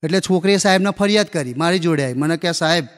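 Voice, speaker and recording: Man, live stand-up comedian, acts out dialogue, high voice, long reverb of a hall. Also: quick pace. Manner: folksy anecdotal delivery, acts out dialogue. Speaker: stand-up comedian telling school jokes. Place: live comedy stage before an audience.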